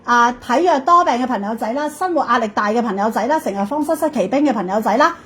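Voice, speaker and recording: A woman with a Hong Kong Cantonese accent hosting a live hard-sell shopping pitch, insistent and repetitive, often checking in with questions. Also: lively intonation, fast, a bit bright, a little hiss or hum.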